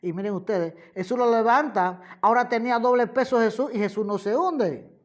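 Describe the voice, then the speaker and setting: A woman preaching a sermon, slow and emphatic, repeating key phrases and addressing her listeners as brother and friend listener. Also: fairly high pitch. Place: radio program.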